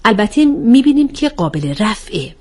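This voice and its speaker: Woman reading a calm young woman explainer in a storybook, breathy, lilting voice. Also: fairly high pitch. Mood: explaining.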